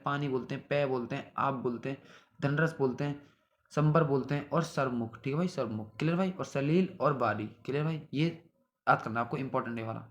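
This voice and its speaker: This muffled recording captures a young man of medium pitch going over synonyms for an exam. He repeats the word lists, asks his students "theek hai bhai" after each, and keeps the drilling repetitive.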